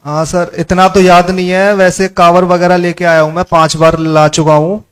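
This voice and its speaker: A man's voice: high-pitched, flat delivery, normal speed, clear, resonant tone. A man in his thirties, a client answering an astrologer with short, respectful replies. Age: 30s. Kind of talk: consultation answers.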